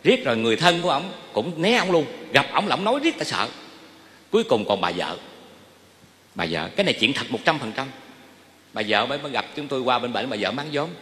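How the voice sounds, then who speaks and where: Lively Southern Vietnamese monk in a reverberant hall. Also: male voice, medium pitch, brisk. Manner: lively, asks the audience questions. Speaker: Buddhist monk. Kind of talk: dharma talk.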